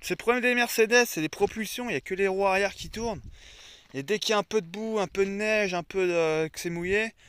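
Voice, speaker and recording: Bright-voiced chatty French vlogger man. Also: high-pitched, a little fast, clear, resonant tone, no echo. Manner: chatty, talks to his dogs and viewers. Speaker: van-life vlogger. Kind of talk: casual vlog chat. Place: outdoors by a lake with his van.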